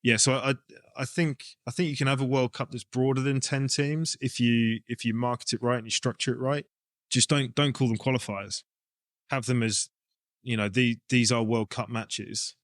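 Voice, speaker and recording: A man who coaches rugby and directs a club appears as an interview guest, chatting informally in an English accent while thinking his ideas through. His voice is mid-range with fairly even intonation and a moderate pace, recorded cleanly in a studio with no room sound.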